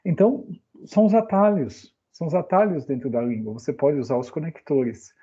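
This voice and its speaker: A Brazilian man gives a casual online English lesson, talking in a loose, chatty way and checking in with his listeners often. His voice is dark and mellow. The recording sounds a little dull and lo-fi. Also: on the high side, brisk, husky. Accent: Brazilian Portuguese. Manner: chatty, frequent "né?" tag questions. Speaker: English teacher.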